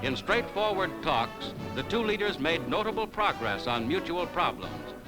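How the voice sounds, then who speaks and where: A man delivering 1940s newsreel narration in a brisk, emphatic announcer style, as on an old newsreel recording. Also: a little high, big pitch swings, rough recording. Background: loud music bed.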